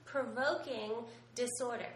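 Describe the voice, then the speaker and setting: A woman's voice: on the high side, slow pace, reverberant, low-quality recording. A woman interpreting a sermon into English line by line, hesitant and using frequent fillers.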